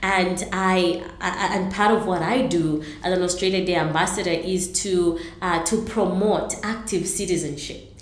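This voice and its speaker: A woman's voice: fairly low pitch, steady tone, moderate pace, reverberant. A middle-aged woman from Zambia, answering interview questions earnestly, with many ums and restarts. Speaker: interview guest, entrepreneur.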